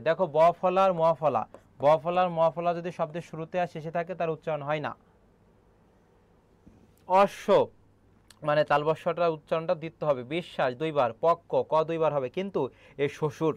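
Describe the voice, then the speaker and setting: A middle-aged man with a Bangladeshi Bengali accent, a senior teacher running an online admission-prep class. He explains step by step, often quizzes his students and keeps clearing his throat. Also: on the high side, no room sound, lo-fi sound.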